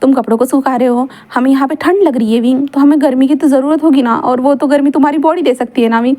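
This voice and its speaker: A calm, rich young man, as a woman voices him, easygoing and reassuring. The voice runs high and brisk. He sounds unbothered, a storybook romance lead. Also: close to an everyday voice. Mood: soothing. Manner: soothing, easygoing. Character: calm, wealthy young male lovers.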